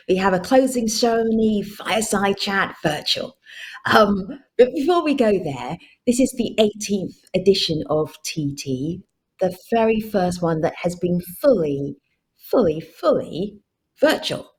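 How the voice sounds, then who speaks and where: A woman with a lowish, darkish voice hosts and moderates a virtual conference over an event link, speaking directly to the audience and repeating words for emphasis. There's slight background noise.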